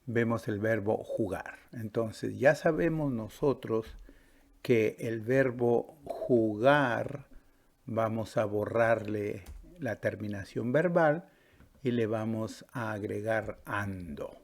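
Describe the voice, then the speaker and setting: A man's voice: on the low side, gravelly. A man teaching a Spanish grammar lesson, patiently explaining step by step and often checking with the listener. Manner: patient, drawn-out, stops to ask "¿sí?" and "¿verdad?".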